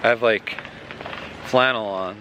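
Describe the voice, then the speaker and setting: A man's voice: fairly low pitch, steady tone, a little slow. A man co-hosting a casual travel vlog outdoors, jokey and easygoing, talking into a handheld camera. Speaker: vlog co-host. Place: outdoors at a wildlife preserve. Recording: outdoor wind noise on mic.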